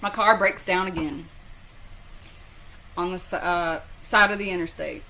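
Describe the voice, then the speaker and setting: Speaking unhurriedly in a lowish, sharp-toned voice, a Southern woman from North Carolina spins a rambling personal story full of swearing and self-mockery. The audio is poor, with a slight hiss or hum, and she comes across as a casual vlogger.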